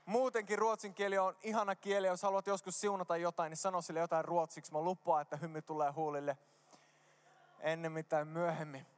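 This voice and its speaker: A man's voice: fairly high pitch, level tone. A man preaching a casual, joking sermon in a church, mixing slang with prayer. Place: church hall. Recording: reverberant hall.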